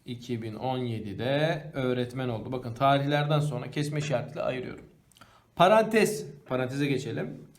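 A man with a Turkish accent and a medium-pitched voice teaches grammar to a primary school class. He poses questions and answers them himself, slowing down to read example sentences aloud.

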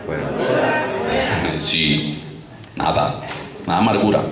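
A man preaching a sermon, lively and repetitive, acting out stories with sound effects. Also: very deep voice, slow pace, over a noisy crowd. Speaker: pastor. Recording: echoey room, distant mic, faint noise.

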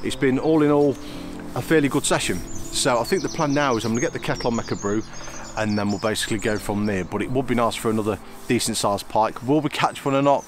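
Medium in pitch, he talks fast and barely pauses, with slight noise behind him. The man is vlogging his own fishing outing on a fenland drain bank, chatty and laid-back, repeating himself and often saying "it really does."

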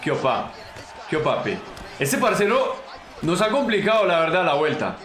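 A young Colombian man commenting casually on his own fighting game, slangy and excitable, taunting his opponent and yelping at big moments. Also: on the high side, moderate pace, roomy sound. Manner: excitable, slangy, talks to the opponent, bursts into yelps. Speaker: gaming channel host.

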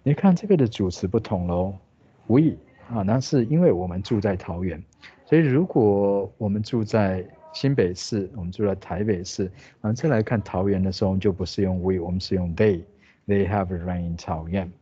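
A man with a Taiwanese Mandarin accent teaching an English grammar lesson, explaining patiently and repeating English words slowly. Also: fairly low pitch, mellow, slightly rough, dry recording, dull audio.

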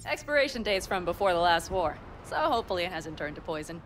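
A woman's voice: lowish voice, big pitch swings, quick pace, a little hiss or hum. A woman voicing a tough young nomad fighter in video game dialogue, blunt, swearing and teasing, over game music. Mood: wry.

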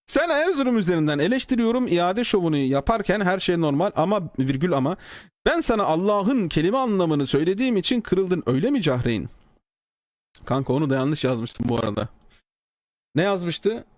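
Sarcastic Turkish streamer, high dry voice. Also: male voice, expressive, brisk, no room sound. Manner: sarcastic, mocking, swings from low mutters to high exclaims. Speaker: streamer reading and answering a developer's comment. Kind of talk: casual live-stream talk.

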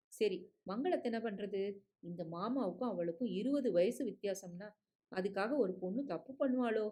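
A woman narrating a short story as an audiobook, reading in a measured, expressive way. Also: mid-range voice.

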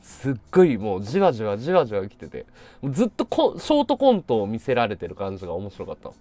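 A male streamer spins a comic story in easy conversational chat, swinging his pitch wildly up and down as he slips into other people's voices. He breaks into laughter often between the bits. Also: huge pitch swings, fast, dark tone. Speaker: live streamer.

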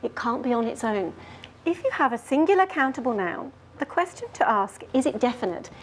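A woman playing an earnest lady grammar detective who explains rules clearly and patiently. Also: fairly high pitch, big pitch swings, brisk, slight background noise. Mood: explaining. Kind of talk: scripted grammar lesson skit.

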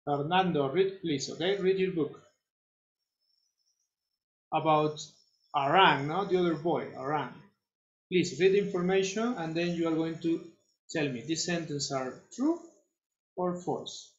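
A man teaching English to children over a video call, slow and patient, repeating his instructions. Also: on the high side, reverberant, lo-fi sound. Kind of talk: online class instruction.

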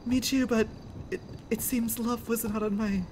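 A woman's voice: fairly high pitch, steady tone, normal speed, darkish tone, a little hiss or hum, natural voice. A woman playing a vain, theatrical fashion teacher who gushes and calls everyone darling in an improvised comedy scene.

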